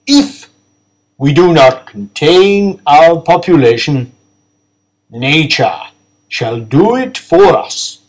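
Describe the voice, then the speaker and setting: A man voicing an old professor who lectures a hall in a slow, grave, booming voice. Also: expressive.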